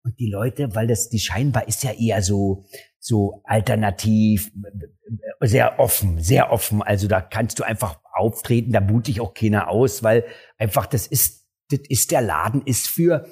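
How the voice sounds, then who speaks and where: Male stand-up, husky, animated storyteller in a chat. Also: moderate pace. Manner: animated, acts out dialogue with jumps in pitch. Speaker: stand-up comedian. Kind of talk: casual interview storytelling.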